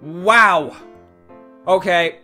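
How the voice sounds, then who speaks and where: A man's voice: high voice, drawn-out words, bright, forceful tone, soft background music. A young man giving casual gameplay commentary as a video host, reacting aloud to plays and complaining in exasperation. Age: young adult.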